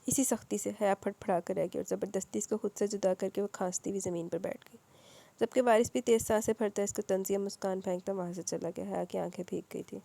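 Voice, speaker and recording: Mellow-voiced woman reading a novel. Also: fairly even intonation, vocal fry. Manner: voices characters with raised emotional pitch. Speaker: novel narrator.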